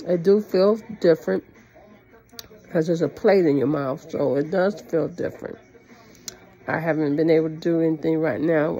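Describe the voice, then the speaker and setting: A woman's voice: low voice, mellow, rough recording. A woman talking with new dentures in, chatting plainly in a casual video diary. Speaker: vlogger sharing a personal journey.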